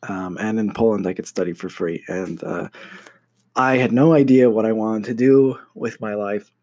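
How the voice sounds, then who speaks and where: Recorded without echo, a young man from the United States, a university student, speaks at a normal speed in a fairly low, darkish voice. He recounts a personal story about his studies casually and hesitantly, stumbling through fillers and restarts.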